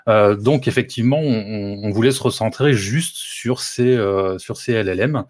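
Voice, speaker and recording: Low-voiced hesitant man explaining. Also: normal speed, darkish tone, no room sound, clean studio sound. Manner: hesitant, many fillers and restarts, chuckles. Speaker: co-host presenting the topic. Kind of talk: casual podcast discussion.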